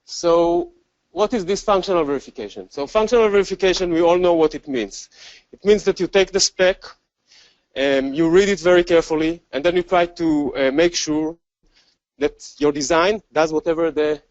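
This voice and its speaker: A man with an Israeli accent presents a technical talk at a conference, pausing often with ums and restarting sentences. His voice sits a little high for a man, and the recording is dry and dull, with a lo-fi edge. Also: fairly even intonation, no room sound. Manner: self-deprecating, many fillers and restarts. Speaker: conference speaker.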